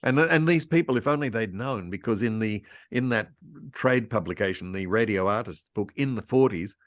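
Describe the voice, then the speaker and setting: Lively, low-voiced man recounting history. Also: moderate pace, dry recording, clean studio sound. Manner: animated storyteller, laughs often. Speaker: guest, cartoon voice historian. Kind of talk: casual podcast conversation.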